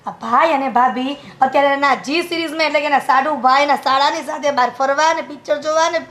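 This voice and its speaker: A young woman with a Gujarati accent playing a daughter in a family film, talking in a quick, scolding way. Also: high voice, fairly bright tone.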